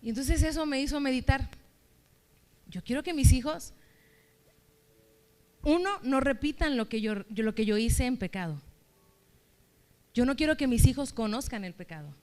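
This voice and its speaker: A woman's voice: high-pitched, normal speed, long pauses, darkish tone, smooth. A woman church leader preaching a sermon, exhorting her listeners with strings of rhetorical questions.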